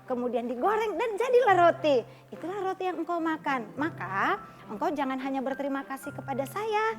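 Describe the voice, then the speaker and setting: A woman voicing a calm older male baker who explains slowly and patiently. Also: high-pitched, pitched below the performer's own voice.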